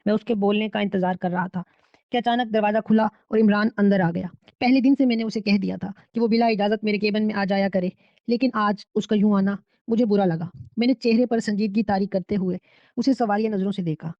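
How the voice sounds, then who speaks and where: A woman's voice: medium pitch, steady tone, no echo. Woman reading a story, dull dry sound. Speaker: narrator. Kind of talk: scripted horror story narration.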